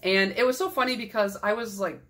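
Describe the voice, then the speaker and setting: A woman's voice: mid-range voice, fairly even intonation, a little fast, a bit bright. Young woman, casual vlog chatter, tired voice she is losing, self-deprecating, laughs a lot. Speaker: nail polish YouTuber.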